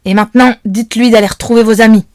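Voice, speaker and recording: A woman's voice: medium pitch, fairly quick, darkish tone, dry recording, clean studio sound, natural voice. A woman doing a menacing male kidnapper. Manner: menacing, domineering. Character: gruff threatening adult male kidnapper.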